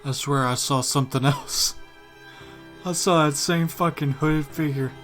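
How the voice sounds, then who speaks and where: A man's voice: fairly high pitch, fairly even intonation, a little slow, fairly bright tone, faint music behind. A man with a Southern US accent giving casual let's-play commentary, jumpy and nervous and swearing a lot. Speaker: gameplay commentator.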